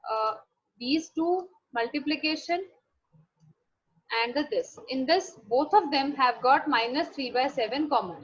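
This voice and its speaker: Over a live online class call, a North Indian-accented woman gives an instructive maths lesson in a blend of Hindi and English, frequently checking understanding. Her high voice is a bit bright, and the recording has dull, lo-fi quality.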